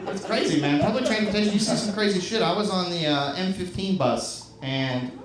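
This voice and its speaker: A young man performs stand-up in a comedy club, his voice pitched fairly high. He talks in a deadpan, self-mocking way and now and then bursts into loud shouts. The room echoes strongly, and crowd laughter fills the gaps. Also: a little fast. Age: 20s. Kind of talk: stand-up set.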